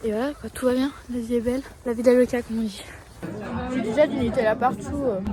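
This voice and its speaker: Chatty young woman, slightly high voice. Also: fairly even intonation, fast, over a noisy crowd. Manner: chatty, informal, full of fillers and slang. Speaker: vlogger. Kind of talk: casual vlog chat.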